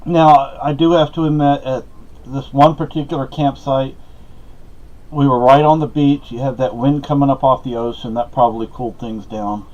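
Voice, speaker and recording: This podcast host, a middle-aged man, offers personal updates in a rambling, casual monologue full of asides and personal stories. His medium-pitched voice is steady and a little mellow at a normal speed, and the lo-fi recording sounds dull.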